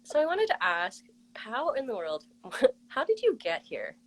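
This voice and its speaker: A woman's voice: fairly high pitch, huge pitch swings, a little slow, rough recording. Giggly, chatty woman host. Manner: bubbly, giggly, chatty storyteller. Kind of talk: casual interview conversation.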